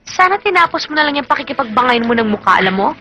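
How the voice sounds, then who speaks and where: A woman's voice: high-pitched, sing-song, racing, pushed and bright, soft background music, exaggerated voice. An actress playing a spirited young woman who scolds and teases in a Filipino film. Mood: scolding. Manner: scolding yet playful. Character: spirited young woman, sharp-tongued, affectionate. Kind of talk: film acting.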